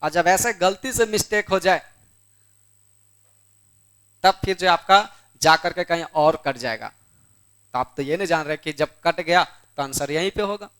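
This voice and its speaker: A man's voice: fairly high pitch, unhurried, pauses often, a bit bright, clean tone. A male math teacher giving a board exam lesson, who keeps asking questions and answering them himself, in a coaxing way. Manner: scolds students in the room.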